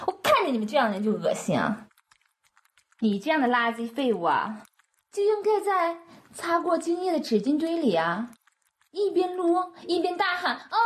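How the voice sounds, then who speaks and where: A high, lively female voice that climbs and dips as she mocks. A woman acts out a scornful dominatrix who curses freely and hammers the same question over and over. The delivery stays harsh and contemptuous throughout this adult role-play. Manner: harsh, taunting, swears a lot, repeats questions. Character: cruel scornful dominatrix woman, foul-mouthed, mocking.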